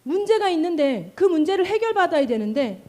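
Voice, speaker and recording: A middle-aged woman pastor giving a sermon, telling stories with animated delivery and asking the congregation questions. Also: very high-pitched, fairly quick. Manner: animated storytelling, acting out cries and calls.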